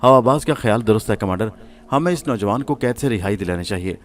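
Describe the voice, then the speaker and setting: A man's voice: lowish voice, animated, lightly acted. A man voicing a bold, armed woman in a spoken story, speaking firmly and decisively. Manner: firm, resolute. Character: bold woman carrying a machine gun.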